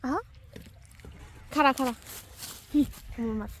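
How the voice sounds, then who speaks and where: High-voiced woman directing kids outdoors. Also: measured pace. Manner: lively, bossy instructions to children. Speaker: vlogger. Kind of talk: casual outdoor vlog chat. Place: outdoors, dry rural field.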